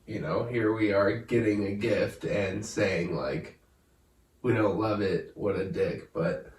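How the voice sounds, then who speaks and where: A man's voice: lowish voice, fairly even intonation, slow pace, darkish tone. A young man co-hosting a podcast, musing in long, dry, reflective thoughts. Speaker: podcast co-host. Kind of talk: casual chat. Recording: echoey room, mic at a distance.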